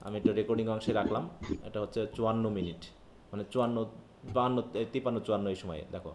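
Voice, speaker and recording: Patient teacher explaining phonetics, echoey room. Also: male voice, on the low side, very fast, a little mellow, a little hiss or hum. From Bangladesh. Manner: explains patiently, often checks if students follow. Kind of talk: live online phonetics class.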